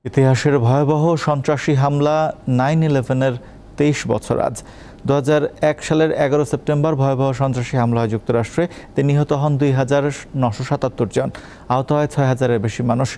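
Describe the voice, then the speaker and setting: A man reading a scripted news bulletin as presenter, in a brisk, formal delivery. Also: medium pitch, steady tone, darkish tone, clean tone.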